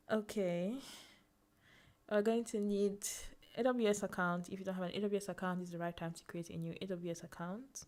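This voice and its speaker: A woman's voice: mid-range voice, a little mellow. A young woman explaining networking as a tutorial host, thinking aloud with fillers, restarts and small laughs at herself. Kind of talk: casual screen-share walkthrough.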